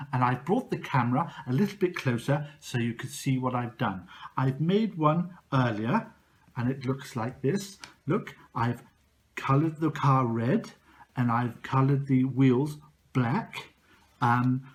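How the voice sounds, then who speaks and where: A man's voice: medium pitch, a little mellow. A man presenting a children's craft demonstration, explaining it step by step. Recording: echoey room with music.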